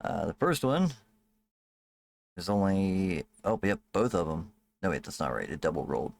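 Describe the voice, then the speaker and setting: Low-voiced man GM, relaxed, profane, chatty. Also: moderate pace, vocal fry. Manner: loose, swearing, laughing asides. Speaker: game master. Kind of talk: casual tabletop game narration.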